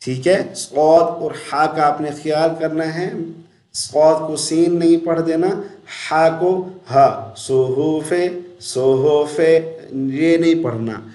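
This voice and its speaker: A man teaching Quran recitation in a roomy, echoing space. His speaking voice sits a little high, and he drags out the recited words slowly before dropping back to brief explanations. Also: a little mellow. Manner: slow drawn-out chanted recitation between quick spoken explanations. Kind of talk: recitation lesson.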